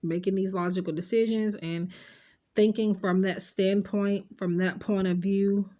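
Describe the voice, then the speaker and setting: In an unhurried, level, dark mid-range voice, a stuffed-up woman sniffles as she delivers a relaxed, wandering tarot reading. She reassures her viewers directly and leans heavily on fillers.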